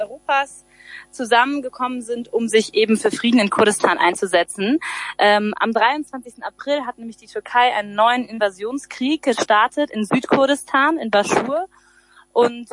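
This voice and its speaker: A woman's voice: a little high, no echo. A woman in her twenties from Germany, an activist guest explaining earnestly with frequent hesitations over a phone call. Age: 20s. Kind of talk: interview answers.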